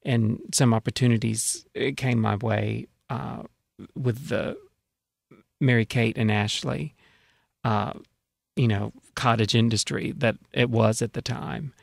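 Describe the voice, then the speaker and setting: A man with a creaky, gravelly edge and a mid-range voice talks as a guest author on public radio. His delivery is casual and explanatory, recorded dry and close. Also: medium pitch, fairly even intonation, takes it slowly, dry recording. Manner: explanatory, peppers talk with "you know". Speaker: author being interviewed.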